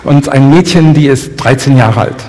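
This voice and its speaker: A man interpreting a sermon live, rephrasing quickly with some hesitation. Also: mid-range voice, a little mellow. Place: church hall. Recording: long church hall reverb.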